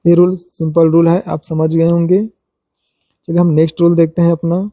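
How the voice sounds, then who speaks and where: A man gives a pronunciation lesson, working through numbered rules and saying each example word slowly, more than once. His voice is very dark and mellow. The recording is dry and close, with no room sound. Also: on the high side, completely flat delivery, no echo. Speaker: English pronunciation teacher. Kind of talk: explanatory spoken lesson.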